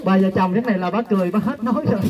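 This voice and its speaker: A man's voice: high voice, very fast. A man with a Southern Vietnamese accent telling folk jokes to a pilgrimage group, acting out the characters' lines. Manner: lively, acts out the characters' lines. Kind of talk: folk joke storytelling to a group. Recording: crowd murmur behind the voice.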